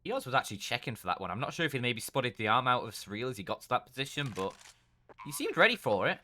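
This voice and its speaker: A man's voice: medium pitch, big pitch swings, fast talker, pushed and bright, slight background noise. A man doing live commentary on a competitive shooter match, joking and bantering with his co-caster. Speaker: esports commentator.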